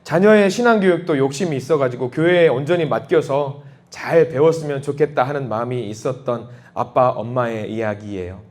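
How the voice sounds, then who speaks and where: A man preaching a sermon as a church pastor, telling a story and acting out the quoted voices with big swings of pitch. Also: a little fast. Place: church sanctuary.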